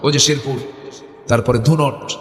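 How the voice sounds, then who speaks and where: A man from Bogura with a North Bengal accent, preaching a sermon to a live crowd. He leads call-and-response chants and swings between loud exhortation and quiet asides. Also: medium pitch, fairly even intonation, a little slow. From Bogura, Bangladesh. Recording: echoey hall with long reverb.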